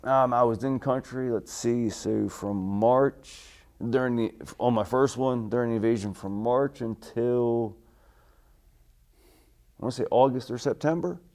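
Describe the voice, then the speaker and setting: A middle-aged American man, a military veteran, recalling his service in an interview in a halting, polite way. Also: medium pitch, a little mellow. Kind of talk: oral history interview, recalling army service.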